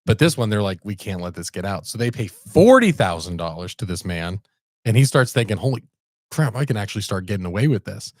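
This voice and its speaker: Podcast guy, kinda low voice, rambly laid-back storytelling, super dry sound. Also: big pitch swings, brisk, no room sound. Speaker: podcast co-host.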